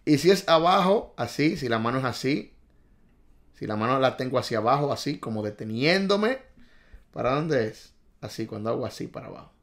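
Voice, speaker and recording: This is a man hosting a casual live stream, reading out driving test questions and the answers viewers send in. His pitch sits in the middle range. He talks in an excitable, chatty way, joking with and scolding his audience. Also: normal speed. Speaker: livestream host quizzing viewers on driving test.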